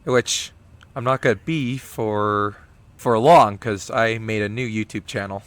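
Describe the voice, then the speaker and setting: A man's voice: fairly low pitch, unhurried, fairly bright tone, no echo. A man in his twenties co-hosting a casual podcast, offhand and swearing casually. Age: 20s. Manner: laid-back, offhand, swearing. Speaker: podcast co-host.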